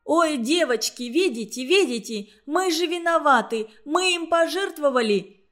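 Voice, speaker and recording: A woman voicing a fussy, self-righteous young girl in a shrill, whiny, insistent voice. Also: normal speed, fairly bright tone. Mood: shrill indignant.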